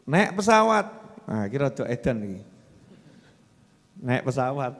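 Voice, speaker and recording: A man's voice: medium pitch, big pitch swings, a little slow. A male preacher, giving a sermon and quizzing his audience in call-and-response. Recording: long hall reverb.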